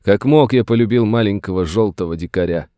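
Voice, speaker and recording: Speaking fairly quickly in a warm, lowish voice pushed up but still near his everyday sound, a man portrays a frightened aging rancher. His pleading is agitated, plaintive, fearful, tearful and whining. The recording is dry and studio quality.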